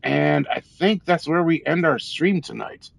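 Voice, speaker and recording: A drunk man hosts a game stream in a casual, rambling way. His voice is gravelly and creaky, and he takes his time getting sentences out. The sound is close and dry. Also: a little high, animated, measured pace, dry recording. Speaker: livestream gamer host.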